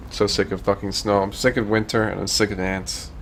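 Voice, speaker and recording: A man's voice: fairly low pitch, little pitch movement, a little fast, gravelly, a bit bright, a little hiss or hum. Rambling, profane male streamer. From Northern Virginia, US. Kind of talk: casual stream chat.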